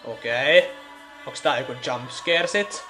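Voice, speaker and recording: A man's voice: medium pitch, pushed and bright. A young man giving casual commentary as he plays a horror game, joking, swearing and mocking the scares. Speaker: let's play gamer. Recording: faint music in the background.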